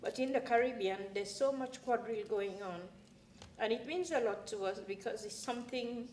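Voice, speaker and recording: A woman's voice: on the high side, normal speed, a little mellow. An older woman, a quadrille dancer, answering interview questions in an earnest, heartfelt way. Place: small studio with plain backdrop. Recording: roomy and distant, faint hiss.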